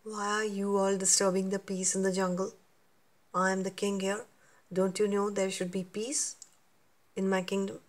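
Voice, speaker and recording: A woman's voice: mid-range voice, little pitch movement, moderate pace, natural voice. Woman reading as a commanding lion king. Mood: stern. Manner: loud, royal proclamations.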